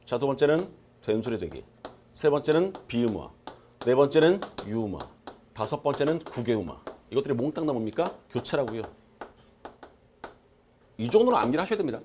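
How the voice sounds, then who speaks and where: A male lecturer teaches a recorded exam-prep class. His pitch swings widely as he asks questions and answers them himself, and he repeats key terms again and again. A faint hiss runs under the recording. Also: sing-song, a little fast, long pauses, a little mellow. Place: lecture room.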